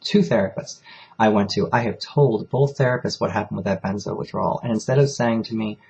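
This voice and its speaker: A man's voice: fairly low pitch, a little fast, gravelly, a little mellow, muffled recording. A man talking candidly in a personal confessional vlog, rambling and emotional as he speaks. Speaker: vlogger.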